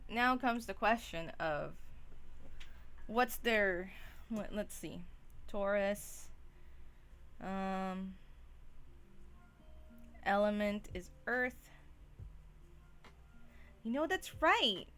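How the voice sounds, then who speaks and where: A woman artist chatting casually on a stream while she draws, thinking aloud in a relaxed way. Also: mid-range voice, extremely slow, pauses often. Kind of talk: casual chat while drawing.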